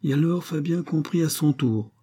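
A man reading a nineteenth-century novel aloud as an audiobook narrator, in a measured, expressive way. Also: fairly high pitch, husky.

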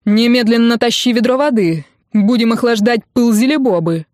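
A woman reading an audiobook, voicing a middle-aged father who shouts and blusters in anger. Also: on the high side, moderate pace, no room sound, studio quality, pitched above the performer's own voice, natural voice. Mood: furious. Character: gruff angry father of the bride, middle-aged man.

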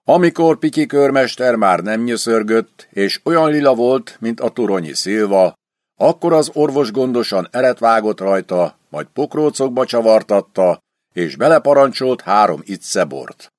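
A man narrating a historical adventure novel in an expressive storytelling reading. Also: medium pitch, no room sound, clean studio sound. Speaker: audiobook narrator. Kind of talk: scripted literary narration.

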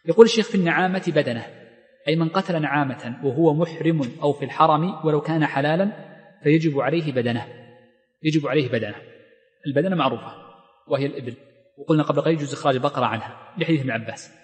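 A man's voice: a little high, very fast, a little mellow, in a large hall. A man teaching a lesson on Islamic law, reading lines from a text and then explaining them with many fillers and restarts. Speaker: Islamic scholar teaching fiqh.

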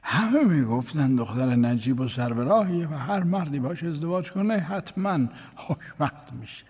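An actor playing a male court minister in a radio drama, confessing his past in a soft, halting voice. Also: on the high side, animated, slightly rough. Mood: ashamed, wistful. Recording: long hall reverb.

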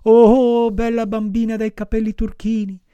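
A man voicing a desperate wooden puppet boy who cries and begs in shouts. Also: high-pitched, flat delivery, normal speed, clean tone, dry recording, muffled recording, voice pushed up, natural voice. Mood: pleading. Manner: crying, begging shouts.

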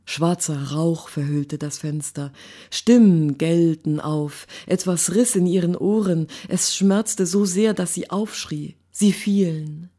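A woman author giving a lively, expressive reading from her novel at a live stage event. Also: lowish voice, slow pace.

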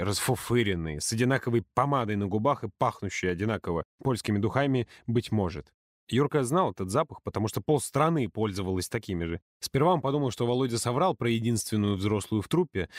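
A man narrating an audiobook in a lively, characterful way, close to the mic. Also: medium pitch, a little fast, dry recording.

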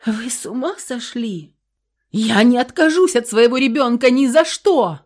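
A woman's voice: fairly high pitch, lively intonation, unhurried, a little mellow, pitched above the performer's own voice. A desperate young woman, read by a woman narrator who cries out in raised, anguished tones. Her voice swings widely. It is an audiobook scene. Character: frightened exhausted young woman, new mother.

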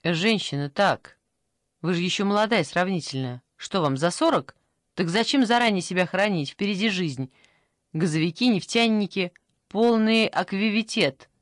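A woman voicing a brisk, strict young female phone operator in an audiobook, pushy and salesy, recorded dry and close. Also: mid-range voice, expressive, no room sound, voice pushed up, close to an everyday voice. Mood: pushy selling. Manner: pushy, salesy, rattling off offers. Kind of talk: audiobook character voice.

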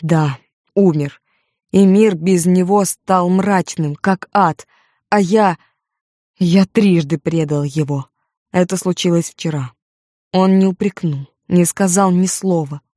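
A woman voicing a hoarse, guilt-wracked male disciple in an audiobook, shouting in anguish. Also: on the low side, slow pace, dry recording, clean studio sound. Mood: grieving. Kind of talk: audiobook character voice.

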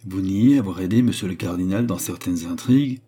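Storybook queen, stern and scornful, voiced by a man with a husky tone. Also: low voice, brisk, dark tone. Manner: cold, cutting interrogation. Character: stern haughty queen, contemptuous and commanding. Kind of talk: audiobook reading.

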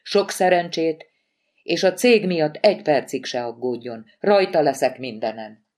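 A woman voicing a calm, reassuring male deputy director, in an audiobook. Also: deep voice, close to an everyday voice.

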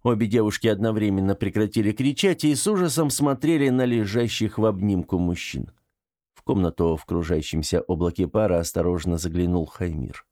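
A man narrating an audiobook with lively, expressive storytelling. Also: fairly low pitch, a little fast, no echo, studio quality.

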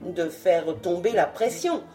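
A woman's voice: fairly low pitch, lively intonation, a little slow, dark tone, faint music behind. A woman voicing a timid young male companion in an audiobook. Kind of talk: audiobook character reading.

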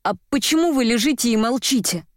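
A woman's voice: a little high, animated, fairly quick, no room sound, studio quality, natural voice. A woman reading a story aloud voices a timid, clumsy, polite young male courier who speaks hesitantly and keeps apologizing. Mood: worried.

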